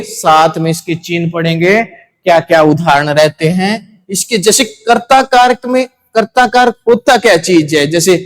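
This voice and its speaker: Male teacher, higher voice, slow and deliberate, quizzes himself and repeats answers. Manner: asks and answers his own questions; repeats key words for students. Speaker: Hindi grammar teacher. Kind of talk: classroom grammar lesson.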